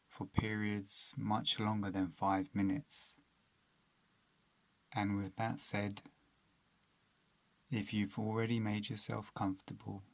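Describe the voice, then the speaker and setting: There's no room sound as a man with a lowish voice narrates a guided meditation. He keeps it slow, calm and soothing, pausing at length between each phrase.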